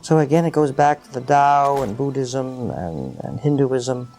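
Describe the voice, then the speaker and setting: A middle-aged man as an interview guest, talking thoughtfully with many pauses and fillers, explaining ideas with rising animation. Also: medium pitch, animated, darkish tone, faint music behind. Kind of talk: reflective interview conversation.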